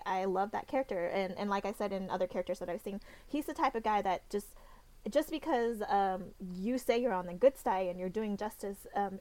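A woman's voice: mid-range voice, darkish tone, no room sound. A young woman talking casually and enthusiastically about favorite characters, full of fillers and restarts. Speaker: podcast co-host discussing novels. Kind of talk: casual fan discussion.

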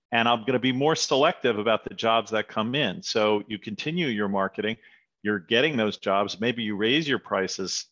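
A man's voice: on the low side, a bit bright. A man hosting an interview, friendly and a little self-correcting as he asks questions. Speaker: interview host. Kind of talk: conversational interview. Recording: dull lo-fi audio.

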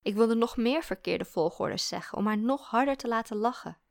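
Gravelly woman reading a story. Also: fairly high pitch, moderate pace, dry recording, clean studio sound. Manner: calm, reflective reading. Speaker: narrator. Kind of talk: scripted story narration.

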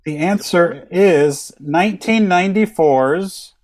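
A woman's voice: fairly low pitch, slow, very noisy. A woman producing and running a quiz round, giving dry, matter-of-fact rulings.

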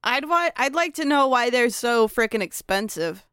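High, crisp, blunt woman player. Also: animated, moderate pace, fairly bright tone, no echo, clean studio sound.

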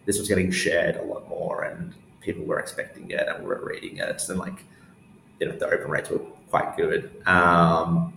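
A newsletter founder gives casual, hesitant, meandering interview answers, using "like" a lot. His low voice is flat and sharp-toned with vocal fry, at a normal speed, and the recording carries a roomy echo plus faint background noise.

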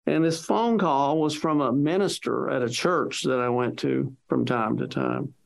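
A man with a gravelly, fry-heavy voice at a middle pitch recounts a personal story for an interviewer. He rambles and circles back, leaning on "you know", and slips into the voices of the people he quotes. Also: measured pace. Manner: acts out quoted speech of others.

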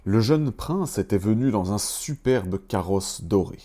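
A man reading a fairy tale aloud in a measured, even storytelling manner. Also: on the low side.

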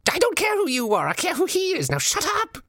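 A man voicing an angry male captor who shouts orders aggressively. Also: very high voice, huge pitch swings, normal speed, no room sound, studio quality, full character voice. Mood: furious.

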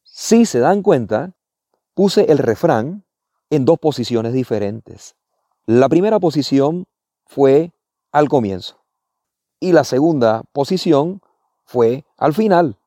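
Man teaching informally, with a mellow voice. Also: mid-range voice, expressive, takes it slowly, pauses often, no room sound, clean studio sound. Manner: didactic, repetitive, checks understanding with short tag questions. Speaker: Spanish teacher. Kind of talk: informal spoken language lesson. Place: outdoors, walking in a forest.

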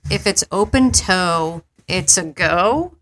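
A woman co-hosting a podcast in casual chat, laughing easily and agreeing often with quick yeahs. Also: fairly low pitch, expressive, fairly bright tone. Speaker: podcast co-host.

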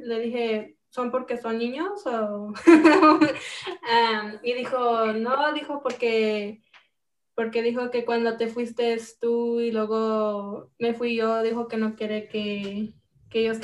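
A young woman joins a casual family conversation as a guest. Her voice is a little high and her pace unhurried. She tells her side of things in a relaxed, easygoing way. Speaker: guest, host's sister.

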